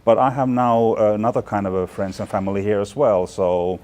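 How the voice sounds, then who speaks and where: In a large, bright studio loft, a Finnish fashion department chair in his forties answers interview questions fairly quickly in a lowish, darkish, steady voice. He's thoughtful and talkative, often using fillers and restarting his sentences.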